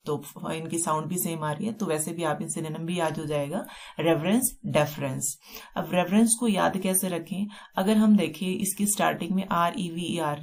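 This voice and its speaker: Low-voiced Indian woman teaching vocabulary. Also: a little mellow. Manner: explains slowly, repeating words with memory tricks. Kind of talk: classroom vocabulary lesson.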